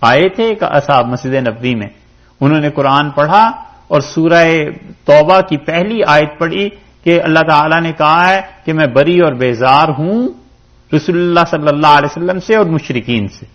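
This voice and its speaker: A man from Pakistan giving a religious lecture on Quran commentary, teaching with animated rises and drops for emphasis. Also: on the high side. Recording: dull lo-fi lecture recording.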